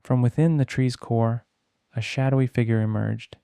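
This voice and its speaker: A man reads a bedtime fantasy tale with a soft-edged, mellow tone. His voice is very smooth and closely recorded in a dry space. He takes his time, letting dramatic pauses hang between phrases. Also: mid-range voice, fairly even intonation, dry recording. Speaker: storyteller, narrator. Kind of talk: slow bedtime story narration.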